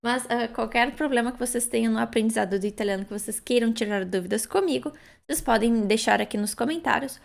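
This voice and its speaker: A woman from Brazil, teaching Italian pronunciation and slowly drawing out model words, checking in with "né?" and "ok?". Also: a little high, gravelly. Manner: slow, drawn-out model pronunciations with frequent "né?" and "ok?". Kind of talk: language lesson on pronunciation.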